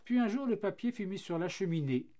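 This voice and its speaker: Male storyteller, fairy-tale reading, measured, expressive, somewhat high voice. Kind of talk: scripted fairy-tale narration.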